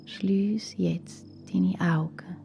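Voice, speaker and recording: A Swiss German woman with a lowish voice speaks very slowly in a calm, soothing, hushed and breathy way. She is a relaxation instructor guiding children through a slow yoga nidra meditation over soft music.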